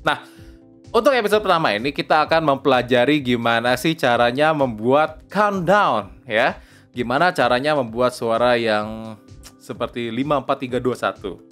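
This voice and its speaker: A man's voice: medium pitch, a bit bright. Chatty young man teaching voice-over. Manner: chatty, fillers like "ya" and "oke", mixes in English phrases. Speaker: voice-over tutor. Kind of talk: casual spoken tutorial. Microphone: close lapel mic.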